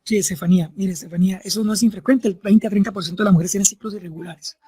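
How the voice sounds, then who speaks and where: A man's voice: high voice, steady tone, racing, warm tone, breathy edge, dry recording. A man teaching a medical class, explaining step by step and often checking that students follow. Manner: explanatory, checks understanding with frequent tag questions. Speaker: medical lecturer.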